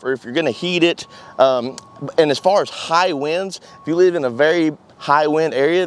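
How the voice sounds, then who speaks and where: A man in his thirties presenting products to camera outdoors, explaining in a folksy, plain-spoken way. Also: a little high. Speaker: company presenter for greenhouse kits. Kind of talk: informal product walkthrough to camera. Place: outdoors at a greenhouse demo yard.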